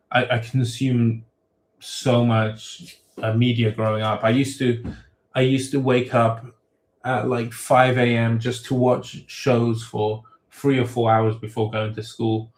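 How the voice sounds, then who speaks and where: A man's voice: mid-range voice, little pitch movement, slow. A man, an author hosting a casual livestream Q&A, reading viewer questions aloud and giving rambling, off-the-cuff answers. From grew up in England, born in Thailand. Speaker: web novel author hosting a Q&A. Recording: roomy echo.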